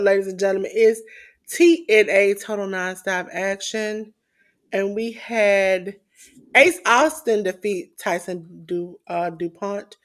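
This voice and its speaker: A tired woman co-hosting a podcast, reading out wrestling results with showy announcer flourishes. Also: mid-range voice. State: sleepy. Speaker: podcast co-host.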